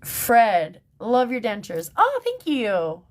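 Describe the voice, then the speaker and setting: A woman's voice: on the high side, wildly swooping pitch, takes it slowly. A woman talking casually to her livestream viewers from the shop where she works, chatty and emphatic, often checking in with "okay?" and "right?". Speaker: tarot reader and livestream host. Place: at work in a shop. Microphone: phone livestream.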